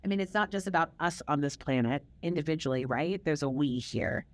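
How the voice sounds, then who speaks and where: A middle-aged podcast host with a notably low voice leads a casual conversational interview, speaking a little fast. She shares family history in a warm, reflective storytelling way, repeating words for emphasis.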